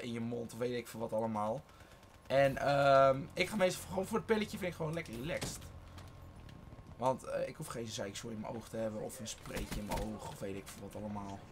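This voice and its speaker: A man giving rambling live gameplay commentary from his bedroom, voice a little strained, with excited outbursts and swearing. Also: mid-range voice, moderate pace, slight background noise. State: slightly strained voice. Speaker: gaming YouTuber. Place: his own warm bedroom.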